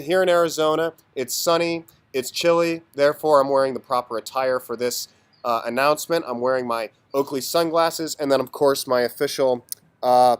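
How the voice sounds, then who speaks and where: Hoarse man announcing league standings. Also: mid-range voice. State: hoarse, sick. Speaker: fantasy football league commissioner and host. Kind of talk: casual video announcement of standings.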